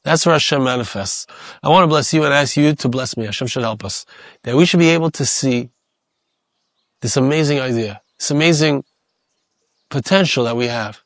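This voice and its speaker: A man's voice: mid-range voice, moderate pace, long pauses, a bit bright, dry recording, clean studio sound. A rabbi giving a reflective Torah sermon. He repeats key phrases as he goes.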